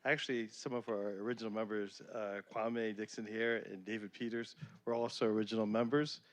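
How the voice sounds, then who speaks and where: A man speaking as president of a community group, halting and repeating words as he addresses a school board meeting. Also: lowish voice, flat delivery. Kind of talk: public address.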